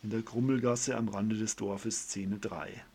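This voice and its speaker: A man's voice: lowish voice, fairly even intonation, unhurried, vocal fry, dark tone, slightly rough. A man narrating a homemade village story as an amateur reader, with a plain delivery and small self-corrections.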